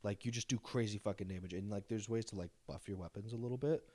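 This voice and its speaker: A young man chatting casually on a podcast, his voice sitting a bit on the low side. He gets excitable and swears freely, with a boastful edge when he talks himself up. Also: fast talker. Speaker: podcast co-host and dungeon master. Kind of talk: casual chat.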